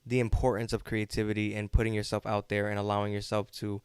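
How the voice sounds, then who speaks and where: Male host with a smooth low voice, hesitant interviewer. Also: completely flat delivery, fast talker, darkish tone, no room sound, clean studio sound. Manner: hesitant questions with fillers. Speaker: podcast host. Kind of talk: casual interview.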